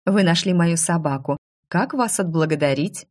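A woman's voice: lowish voice, normal speed, darkish tone, close to an everyday voice. A woman playing a self-assured history teacher. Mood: polite.

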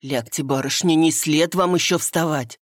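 A woman's voice: normal speed, dry recording, studio quality. A woman voicing a soothing stout peasant woman. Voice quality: low chest voice. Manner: soothing, folksy speech. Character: stout, kindly peasant woman around fifty, low chest voice. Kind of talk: audiobook character voice.

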